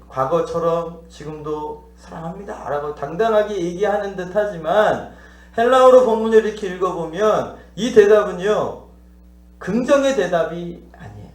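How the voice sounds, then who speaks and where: High-voiced pastor preaching in an echoey hall. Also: male voice. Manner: teaching, asks the congregation questions and acts out dialogue. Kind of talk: sermon. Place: church sanctuary.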